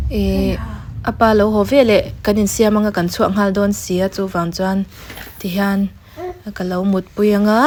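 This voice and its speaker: A young adult woman vlogger chats casually with her viewers, explaining things in a relaxed way. Her voice is mid-range, and the recording carries a little hiss or hum.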